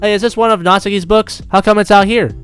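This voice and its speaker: A man's voice: high-pitched, fairly even intonation, quick pace, fairly bright tone, clean tone, soft background music, voice pushed up. A man doing a shy bookish teen girl. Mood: curious.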